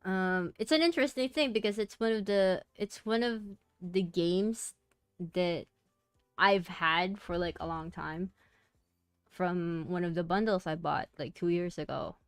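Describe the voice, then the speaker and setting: Soft, rambling young woman streamer. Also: lowish voice, measured pace, clean tone, no room sound, faint music behind. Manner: rambling, soft-spoken, talks herself through thoughts. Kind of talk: casual chat.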